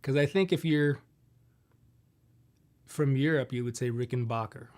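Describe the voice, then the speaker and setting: Casual middle-aged male streamer, somewhat higher voice, rambling and easygoing, close desk mic. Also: measured pace. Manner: relaxed, rambling, answers viewer questions with fillers. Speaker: host of a live guitar Q&A stream. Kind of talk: casual live-stream chat.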